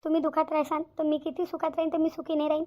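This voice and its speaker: A woman's voice: sits high, completely flat delivery, very fast, highs cut off, lightly acted. A woman voicing a tearful young village bride. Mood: resolute. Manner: tearful, repeats herself insistently. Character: young village bride-to-be, anxious and self-sacrificing. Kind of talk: cartoon voice acting.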